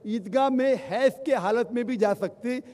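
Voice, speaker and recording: A man's voice: very high-pitched, unhurried, darkish tone. A male Islamic speaker answering audience questions at a public lecture, counting off his points one by one and mixing in English phrases. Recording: long hall reverb.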